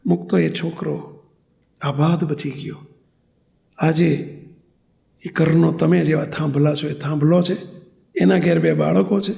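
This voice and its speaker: A monk delivers a sermon as a story, close and intimate. His voice sits high for a man and carries a gravelly rasp. He slips into the people of his stories as he talks. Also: darkish tone. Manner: narrates intimately, acting out dialogue in higher voices.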